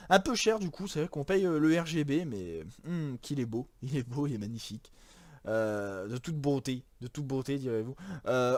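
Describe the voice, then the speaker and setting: A man's voice: on the high side, no room sound. A man from France casually walking through a PC build, rambling with many fillers and self-corrections. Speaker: YouTuber presenting a PC build. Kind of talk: casual chat.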